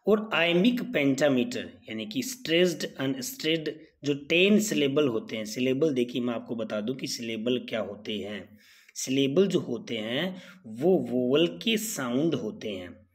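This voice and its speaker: A man teaching an exam-prep lesson, asking rhetorical questions and answering them in an animated way. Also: medium pitch, measured pace.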